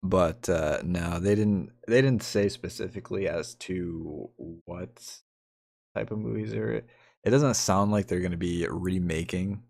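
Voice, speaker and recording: A man's voice: low voice, measured pace, gravelly, darkish tone. A young man co-hosting a casual podcast, rambling with many fillers and frequent laughter. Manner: rambling, giggly, lots of fillers. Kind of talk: casual chat.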